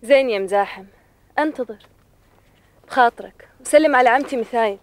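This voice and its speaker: Woman playing young Bedouin sweetheart, Bedouin Arabic accent, fairly high voice, brisk, direct, television drama. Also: close to an everyday voice. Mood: questioning, wistful. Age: 20s.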